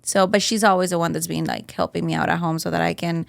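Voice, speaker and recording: A woman's voice: on the low side, steady tone, fast, vocal fry, no room sound. A woman in her thirties from Colombia, a podcast guest chatting casually, laughing often and saying "like" a lot. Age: 30s. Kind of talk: casual interview chat.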